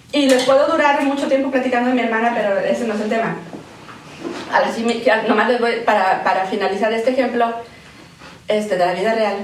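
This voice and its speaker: A woman's voice: on the high side, recorded from a distance, slight background noise. Emotional woman preaching in an echoey hall. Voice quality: animated, swings between loud emphasis and soft emotional tones. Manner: conversational, tag questions, repeats words for emphasis. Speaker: guest speaker at a women's church session. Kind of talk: sermon with personal testimony. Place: church hall. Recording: echoey hall, speaker away from the mic.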